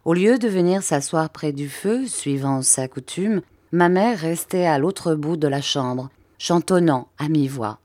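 A woman reads a classic novel aloud in a low, measured voice, keeping an even storytelling pace. She sits close to the mic, and the sound is dry with no room echo. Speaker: audiobook reader. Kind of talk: audiobook narration.

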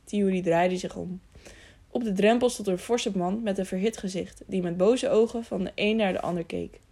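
Woman narrator, steady storytelling, mellow tone with a gravelly edge. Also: mid-range voice, moderate pace. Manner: steady storytelling, slight stumbles. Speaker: audiobook narrator. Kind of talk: scripted narration.

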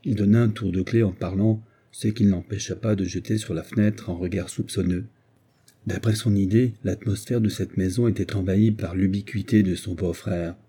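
A man reading a novel aloud as audiobook narrator, in an even, measured way. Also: on the low side, slightly rough.

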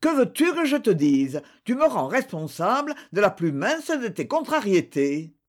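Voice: medium pitch, very animated, unhurried. Storybook: reader as a grumbling middle-aged husband, defensive. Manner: grumbling, muttered replies.

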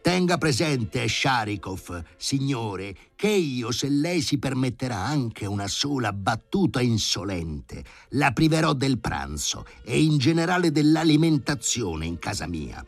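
A man voicing an elderly, gray-haired professor who is imperious and irascible, shouting in indignation in an audiobook reading. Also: medium pitch, very animated, measured pace, few pauses, no echo, soft background music, pitched above the performer's own voice. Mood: threatening.

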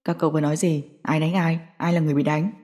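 A woman doing a cold, gruff gang boss. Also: deep voice, flat delivery, racing, darkish tone, pitched below the performer's own voice, lightly acted. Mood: menacing. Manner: cold, curt, menacing.

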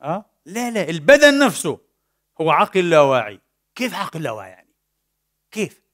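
A man's voice: on the high side, huge pitch swings, a little fast, a bit bright. A man preaching. He mixes formal with colloquial speech and keeps asking rhetorical questions, then answering them himself. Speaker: preacher and lecturer. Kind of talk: lecture-style sermon.

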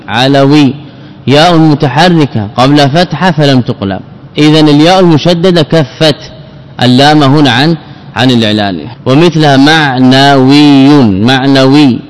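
A man teaching a grammar lesson, repeating word forms slowly and putting questions to himself before answering. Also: medium pitch. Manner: repeats words, drills forms, asks and answers own questions. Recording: long hall reverb.

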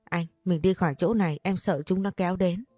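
A woman's voice: on the low side, steady tone, fairly quick, warm tone, dry recording, soft background music, close to an everyday voice. A woman voicing a frightened young wife who pleads for help, in a read-aloud story. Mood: worried.

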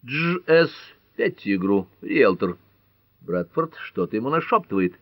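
A man's voice: medium pitch, sing-song, unhurried, no echo, dull audio, pitched above the performer's own voice. A male narrator voicing a blunt, commanding older small-town judge in an audiobook. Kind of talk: audiobook character voice.

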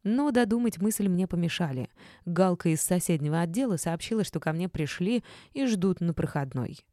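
Casting: woman audiobook narrator, wry and ironic, mellow low voice, dry close sound. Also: animated, normal speed, no room sound. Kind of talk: first-person audiobook narration.

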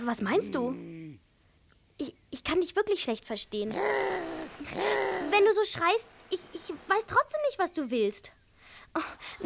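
A woman playing a young character in a radio play, speaking gently and coaxingly, often hushed. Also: sits high. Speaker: girl character Hannah.

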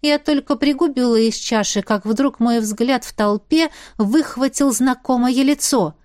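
A woman reading a first-person audiobook in a lively, eager manner. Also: a little high, a little slow, no echo, clean studio sound. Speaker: audiobook narrator.

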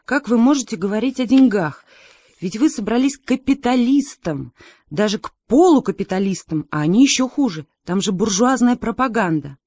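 A woman's voice: on the high side, expressive, normal speed, darkish tone, dry recording, studio quality. A woman voicing an indignant old grandfather, a devoted communist, in a read-aloud story. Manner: declaiming, indignant.

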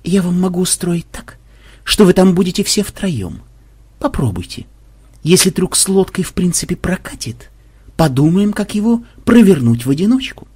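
Man doing a deadpan, sardonic hacker. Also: sits high, normal speed, breathy edge, voice pushed up, exaggerated voice. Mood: weary. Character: dry, sardonic male hacker, addresses everyone as comrades.

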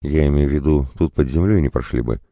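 Guy reading a naive goddess girl, earnest and simple, very low dark voice, dry sound. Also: fast, dry recording. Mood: plain earnest. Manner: simple, earnest, matter-of-fact. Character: naive young goddess of fate, woman.

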